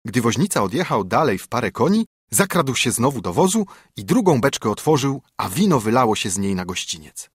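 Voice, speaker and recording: Husky man reading a fairy tale. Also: medium pitch, a little fast, few pauses, dry recording, clean studio sound. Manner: expressive fairy-tale narration. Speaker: narrator. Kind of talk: storybook reading.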